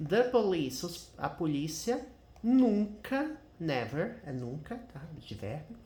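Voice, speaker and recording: Lively Brazilian man teaching English. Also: fairly high pitch, takes it slowly. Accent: Brazilian Portuguese. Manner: chatty, keeps checking in with "tá?" and "né?". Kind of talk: screen-share grammar lesson. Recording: roomy echo.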